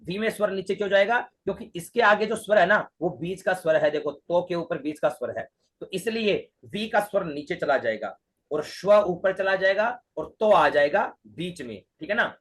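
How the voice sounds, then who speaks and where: A man's voice: high voice, animated, normal speed, fairly bright tone, slightly rough. An Indian man teaching Vedic mantra recitation, patiently repeating syllables and drilling the chant line by line.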